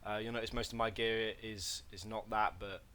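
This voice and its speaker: At normal speed and with little pitch movement, a man with a fairly low, sharp voice presents a casual gameplay guide over a faint hiss or hum. He rambles and corrects himself, uses many fillers, and coughs slightly from throat irritation.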